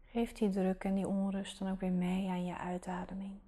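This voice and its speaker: Dark, half-whispering woman, right in your ear. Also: medium pitch, completely flat delivery, normal speed. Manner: soft, breathy half-whisper, close in the ear; soothing, gently instructing. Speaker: guided meditation and healing guide. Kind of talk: guided meditation, ASMR-like.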